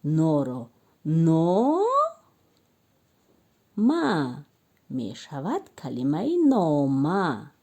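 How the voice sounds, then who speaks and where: A woman with a Tajik accent, a teacher giving a children's alphabet lesson and sounding out syllables slowly. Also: sits low, mellow. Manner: slow sing-song syllable drilling for children.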